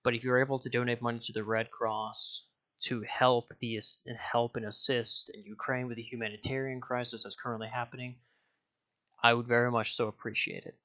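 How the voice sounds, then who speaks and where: A man's voice: medium pitch, flat delivery, brisk, pushed and bright, highs cut off. A young man from Denmark, a YouTuber, talking casually to his viewers, rambling, correcting himself and swearing offhand. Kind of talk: casual direct-to-camera vlog.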